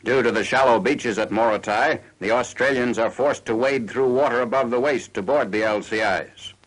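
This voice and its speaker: A man's voice: mid-range voice, moderate pace, low-quality recording. A man reads scripted military newsreel narration in a formal, matter-of-fact 1940s style, on an old film soundtrack.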